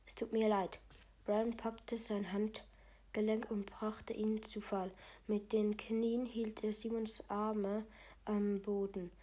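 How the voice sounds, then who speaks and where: A woman narrating a storybook with a steady, even delivery. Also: mid-range voice, takes it slowly. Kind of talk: storybook reading.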